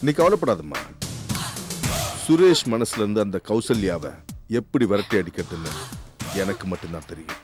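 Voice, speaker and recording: Brief: a scheming father, very low voice, music bed under the scene. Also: very animated, normal speed, pauses often. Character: scheming middle-aged father. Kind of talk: TV serial acting.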